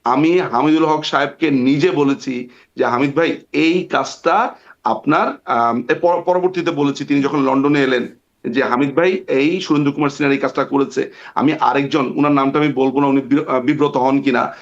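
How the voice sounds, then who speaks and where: A man's voice: medium pitch, moderate pace. A man, a barrister guest on an interview show, telling a long story with hesitations and reenacted dialogue. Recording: dull lo-fi sound.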